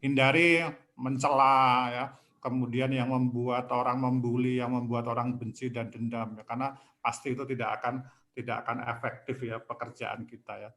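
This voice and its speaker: Man giving a relaxed safety seminar. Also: medium pitch, moderate pace. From Indonesia. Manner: conversational, frequent tag questions, light humor. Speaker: safety communication trainer. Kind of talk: seminar lecture.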